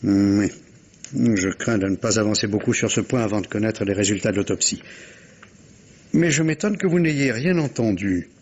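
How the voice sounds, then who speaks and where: An actor in a French radio mystery play, performed in a 1950s manner, plays a polite, hesitant but persistent police inspector with a veiled voice. His male voice is lowish, a little mellow and breathy, at normal speed, with a probing, measured mood; he is courteous and apologetic, hesitating with repeated words. The recording is a dull vintage radio one.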